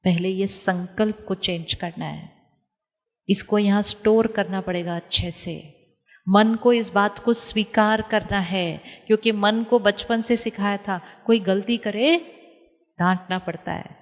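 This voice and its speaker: A woman giving a calm spiritual talk to an audience, teaching step by step with rhetorical questions and repetition. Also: medium pitch, measured pace. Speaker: spiritual speaker. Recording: long hall reverb.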